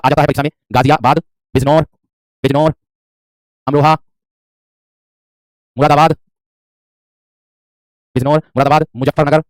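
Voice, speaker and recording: Male Hindi teacher, rapid-fire delivery, dry close sound, repeats and quizzes. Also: on the high side, no room sound. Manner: repetitive, quizzing, calls students "my friend". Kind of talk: online class lecture.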